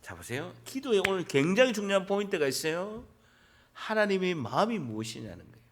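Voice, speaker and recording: A male pastor preaching a church sermon, emphatic and building to loud exhortation. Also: sits high, big pitch swings, fairly quick, slight background noise.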